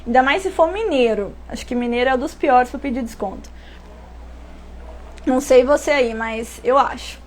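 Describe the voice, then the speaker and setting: A high-voiced Brazilian woman teaching pricing in a relaxed, live-stream manner. She talks in a chatty way, stops to correct herself and throws rhetorical questions at her viewers. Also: normal speed, slight background noise. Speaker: online sales and pricing instructor. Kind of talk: casual live-stream tips.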